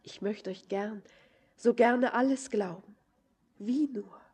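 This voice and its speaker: A naive young woman in a radio play, really husky and breathy, slow, kinda high voice. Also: dark tone. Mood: hurt, wary. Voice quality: husky, tremulous, breathy whispers. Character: young woman Anna, innocent daughter of a miner's household. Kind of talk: verse radio drama acting.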